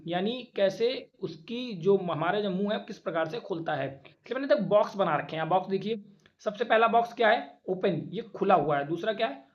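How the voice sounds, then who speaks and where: This exam-prep lecture features a teacher who asks rhetorical questions and answers them, stretching vowels out again and again to demonstrate them. The voice has a medium pitch, and the highs are cut off.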